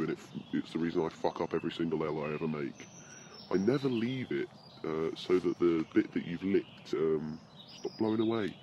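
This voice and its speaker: A man's voice: rumbling low, warm tone, lo-fi sound, a little hiss or hum. A British man hosting a casual podcast, rambling and swearing freely, with birdsong from the forest around him. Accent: British English. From Britain. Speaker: podcast host. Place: outdoors in a forest.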